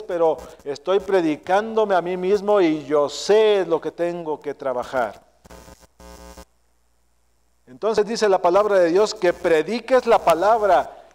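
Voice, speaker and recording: A male pastor preaching an earnest, self-searching sermon, his voice often trailing low and soft at the ends of phrases. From Mexico. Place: church sanctuary. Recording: long hall reverb.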